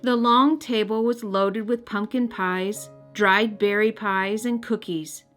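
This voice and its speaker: Here a woman reads a children's story aloud as host, talking expressively and directly to young listeners. Her mid-range voice is slow, a bit bright, and fairly even in intonation, with music underneath.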